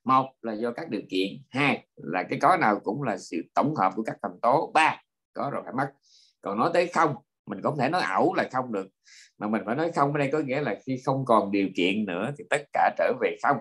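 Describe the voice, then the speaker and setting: A man, a Buddhist monk giving an informal dharma talk, lively and full of fillers and repeated words. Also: medium pitch, slightly rough. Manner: lively storytelling with frequent fillers and repetitions.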